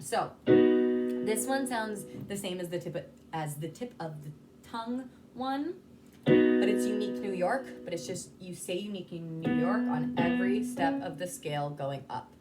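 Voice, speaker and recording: Her voice is medium-pitched with a darkish tone. As a vocal coach, she chats informally while explaining and showing how to articulate different sounds.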